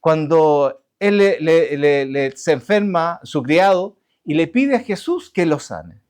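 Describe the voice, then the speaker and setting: A man preaching a sermon to his congregation, halting with restarts and asking rhetorical questions. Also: a little high, lively intonation, a little mellow. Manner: halting, many restarts and fillers. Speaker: pastor.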